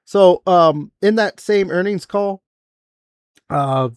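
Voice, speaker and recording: Here a podcast host in his forties talks gaming news casually, full of fillers, rambling, and the occasional curse. He speaks slowly and clearly in a high, resonant voice, captured as a dry, studio-quality recording.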